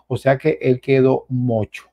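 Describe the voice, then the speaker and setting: A man's voice: mid-range voice, little pitch movement, a little slow, dark tone. A man giving casual, emphatic news commentary, often repeating himself and speaking directly to his viewers. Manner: emphatic, repetitive, keeps addressing viewers as "señores".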